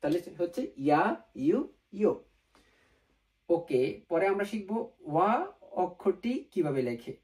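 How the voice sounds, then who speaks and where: Male language teacher, mellow tone, patient, repeats each sound, recorded off-mic. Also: fairly high pitch, normal speed, far from the mic. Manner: mixes English words into explanations. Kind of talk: online language lesson.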